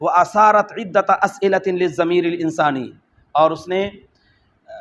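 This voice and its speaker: A man teaching a lesson on an Arabic text, reading phrases slowly and then repeating them in explanation. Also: on the high side, fairly bright tone, highs cut off.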